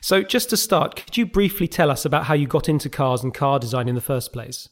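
A man's voice: medium pitch, animated. A male podcast host who reads a polished introduction and asks interview questions. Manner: brisk, polished presenter.

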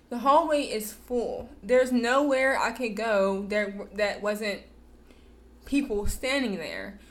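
A young adult woman casually telling a personal story, candid and repeating words for emphasis. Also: a little high.

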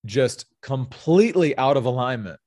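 Brief: male guest in his 40s, earnest storyteller, mid-pitch voice, dry close sound. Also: animated, normal speed, darkish tone, dry recording. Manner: earnest storytelling, with frequent repeated words. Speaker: guest, sales executive. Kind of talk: personal story in a podcast interview.

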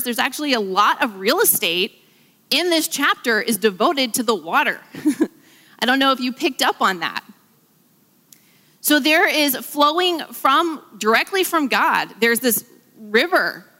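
An enthusiastic woman delivers a Bible teaching with animated emphasis, slowing down when she reads scripture. Her voice sits a little high and rings bright and forceful. A long hall reverb trails each phrase.

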